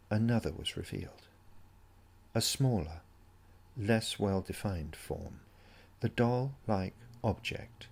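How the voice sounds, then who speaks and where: Reading a haunting first-person tale as a dramatic audiobook, a male story narrator speaks in a fairly low voice with a gravelly creak and husky grain. He takes his time, and his delivery stays brooding and full of suspense.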